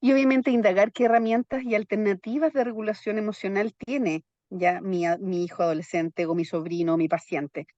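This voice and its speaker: A woman's voice: medium pitch, fairly even intonation, brisk, hardly any pauses, mellow, no room sound, muffled recording. A woman psychologist explaining in an interview, constantly checking in with her listener through little tag questions. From Chile. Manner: keeps checking in with "¿ya?" tags.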